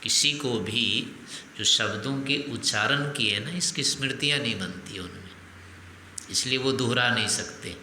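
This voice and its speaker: Older guy teaching spiritual stuff real slow, lots of questions back to the crowd, echoey hall w faint hiss. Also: medium pitch, sharp tone. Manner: reasoning with rhetorical questions.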